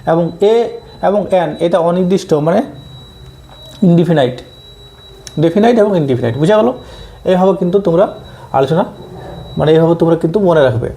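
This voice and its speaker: A male teacher walks students through English articles for an exam, pausing often to check they follow. His voice sits high for a man. The tone is soft and mellow rather than bright. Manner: explains step by step, often checks understanding. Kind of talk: exam-prep grammar lesson.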